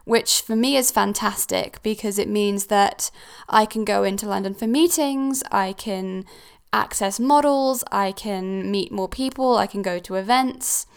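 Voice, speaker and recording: A woman's voice: medium pitch, a little slow, vocal fry, clean tone. A young woman who grew up in Switzerland, hosting a casual solo podcast and chatting with frequent ums and self-corrections. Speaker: podcast host. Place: new house.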